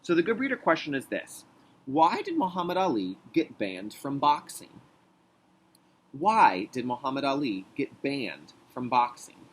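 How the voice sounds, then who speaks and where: A male kindergarten teacher leads a read-aloud lesson for young children, enunciating deliberately in an instructional manner. His mid-range voice is very animated and slightly rough.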